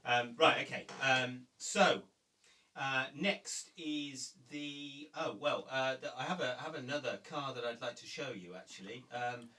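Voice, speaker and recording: Hesitant, bright-voiced man hosting. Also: medium pitch, far from the mic. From England. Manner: hesitant, filler-heavy, self-deprecating. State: losing his voice. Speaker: host. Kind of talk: casual chat show banter. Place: studio.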